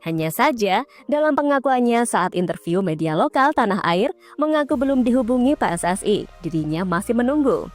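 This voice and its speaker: Woman narrating football news, fairly high voice. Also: big pitch swings, moderate pace. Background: faint background music.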